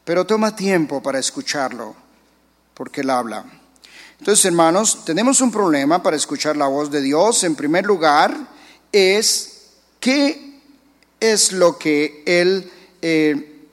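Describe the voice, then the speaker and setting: A man's voice: on the high side, animated, slow pace, long pauses. A male pastor preaching a sermon, acting out the voices he quotes. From Colombia. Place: church. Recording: church hall reverb.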